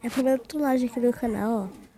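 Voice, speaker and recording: A teenage girl vlogging in casual chat, recounting a prank in a rambling way and talking fast by her own account. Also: on the high side, dark tone.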